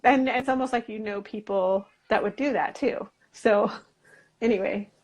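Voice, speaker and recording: Recorded at low quality, this American woman has a mid-range, darkish voice at normal speed. Originally from Utah, she's an illustrator and writer chatting casually as a guest. Her talk is loose, rambling and chatty, with frequent use of "like."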